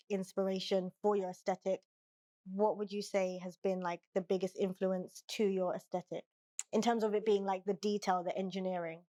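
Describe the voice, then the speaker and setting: A woman's voice: mid-range voice, darkish tone. A female podcast host asking probing follow-up questions and murmuring brief agreement. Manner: probing questions, frequent short backchannel murmurs. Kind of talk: casual interview talk.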